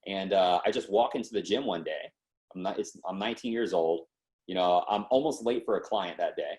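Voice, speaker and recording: A low-voiced man in his twenties talks a little fast as a guest on a podcast. His telling is spirited and slangy, with the things people said acted out.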